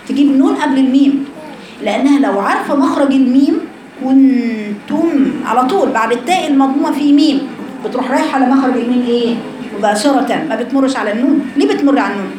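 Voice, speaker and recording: A woman with an Egyptian accent teaching a recitation lesson to women, explaining slowly and voicing letter sounds aloud to demonstrate. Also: a little high, darkish tone. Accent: Egyptian Arabic. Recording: echoey room with background noise.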